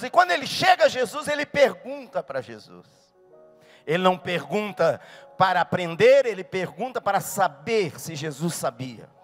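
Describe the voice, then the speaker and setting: A male pastor preaching a dramatic, animated sermon in a church. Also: high voice. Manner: animated, dramatic storytelling with sudden shouts.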